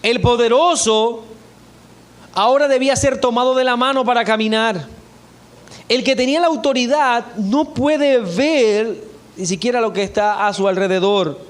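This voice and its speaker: A man, a pastor, preaching an expository sermon in a church in a measured way and reading scripture aloud. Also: very high voice.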